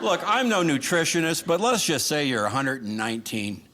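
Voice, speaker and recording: A man's voice: fairly high pitch, sing-song, normal speed, sharp tone. A man doing live stand-up comedy with a dry, sarcastic lilt, talking to his audience. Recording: noisy live comedy show recording. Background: audience laughter and noise.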